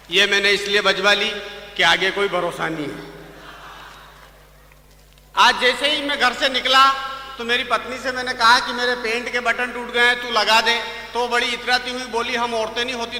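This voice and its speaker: Male stage comic poet, very high and piercing, sharp bright tone, recorded from far off in an echoing hall, jokes build to shouted punchlines. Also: a little hiss or hum. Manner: joke-telling with rising, shouting punchlines. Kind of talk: stand-up comic poetry at a live poets' gathering. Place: outdoor fair stage.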